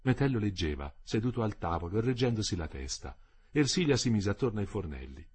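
A man narrating a literary novel as an audiobook reader, expressive and measured. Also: on the low side, breathy edge.

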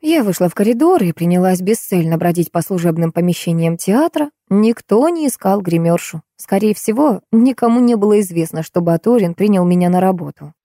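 Woman audiobook narrator, warm mellow voice, dry close sound. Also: lowish voice, lively intonation, a little fast, few pauses, no echo. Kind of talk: scripted narration.

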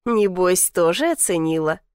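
A woman's voice: lowish voice, expressive, normal speed, clear, resonant tone, no echo, studio quality, close to an everyday voice. A woman voicing a teasing, doting old village grandmother who talks in a folksy, sly way.

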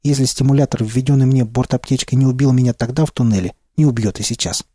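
Male narrator for a first-person audiobook, steady and low-key, husky timbre, dry close sound. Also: quick pace, no room sound.

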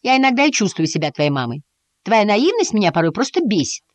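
A woman's voice: mid-range voice, big pitch swings, fast talker, no room sound, voice pushed up, natural voice. A woman voicing a weary, irritable mother mouse in a storybook reading, tart and exasperated.

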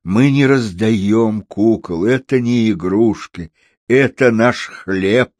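A man voicing a poor old puppeteer who pleads slowly and emphatically. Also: lowish voice, darkish tone, no room sound. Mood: indignant.

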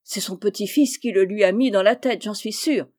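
Brief: lively determined young girl, eager tone, read by a woman narrator. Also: mid-range voice, normal speed, lightly acted. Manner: eager and decided. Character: spirited, determined teenage girl.

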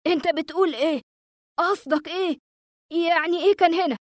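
A woman's voice: very high voice, fast talker, no room sound, pitched above the performer's own voice. A woman voicing a desperate, furious middle-aged man with an Egyptian Arabic accent, pleading on the edge of tears. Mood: angry. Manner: agitated, tearful pleading.

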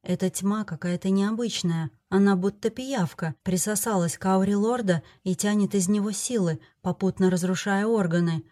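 A woman reading the part of a kind elderly male healer in an audiobook, calm and instructive, with no strong change from her own voice. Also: medium pitch, close to an everyday voice.

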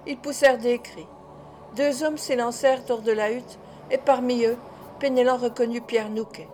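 A woman narrating an audiobook in a measured, expressive way. Her voice sits a little higher than average. She reads steadily, with a scripted storytelling cadence. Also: a little hiss or hum. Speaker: audiobook reader.

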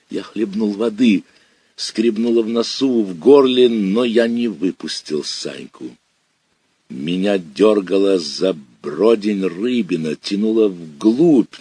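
A man reading a story aloud in dramatic narration, with lively storytelling and sudden loud outbursts. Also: lowish voice, husky, no echo. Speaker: audiobook reader. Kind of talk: expressive literary narration.

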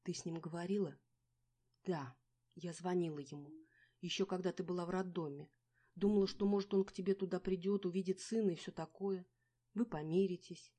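A woman reading a storybook aloud, voicing a blunt, protective young woman friend who scolds loudly. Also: on the low side, steady tone, brisk, close to an everyday voice. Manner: loud and scolding.

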